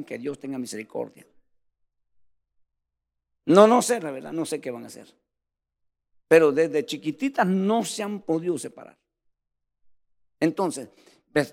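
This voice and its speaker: A man preaching a sermon in a church, animated, often calling his listeners "brother" and swinging between loud and soft. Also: a little high, creaky.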